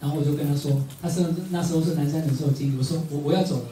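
Middle-aged Taiwanese motivational speaker, lively storyteller, laughs a lot, echoey hall from a distant mic. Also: male voice, a little high, very fast, a little hiss or hum. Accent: Taiwanese Mandarin. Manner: animated storyteller, often laughing, emphatic repetition. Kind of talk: motivational speech.

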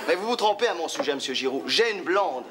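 An actor playing a nervous, deluded, boastful nerd in a television sitcom, stammering and repeating himself with a Quebec French accent. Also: male voice, fairly high pitch, lively intonation, fast talker, over a noisy crowd, natural voice. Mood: smug. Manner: stammering, jittery, repeats words. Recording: loud audience laughter, noisy studio.

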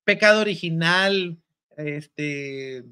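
A man's voice: fairly high pitch, takes it slowly, a loud crowd. A man hosting a casual gossip show, campy and exclamatory, reading viewer comments aloud. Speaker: show host.

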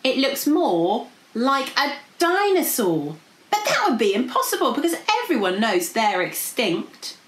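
A woman's voice: high voice, sing-song, unhurried, echoey room, voice pushed up, low-quality recording. A woman voicing an eager, kindly young princess in a storybook, earnest and emphatic. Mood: sceptical.

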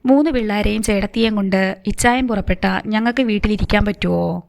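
A swaggering man teases in a bantering way, as a woman narrator voices him. His voice sits at an ordinary middle pitch. It suits a story read aloud. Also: a little fast, creaky, darkish tone, natural voice. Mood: teasing.

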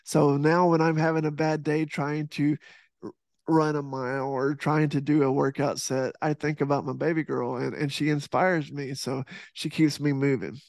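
Guest slot: a man in his thirties from Texas, slightly high-pitched, heartfelt, speaking over a headset mic in a dry room. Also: flat delivery, moderate pace, vocal fry, a little mellow, no room sound. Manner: earnest, heartfelt, with many restarts and fillers. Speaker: podcast guest, fitness instructor and author. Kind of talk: casual video-call interview. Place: home room with poster behind. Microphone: headset mic on boom arm over video call.

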